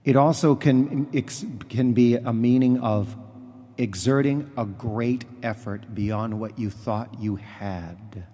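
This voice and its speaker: Male priest for a homily: medium pitch, very unhurried, halting delivery, long church reverb. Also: fairly even intonation, warm tone. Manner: halting, pausing mid-sentence.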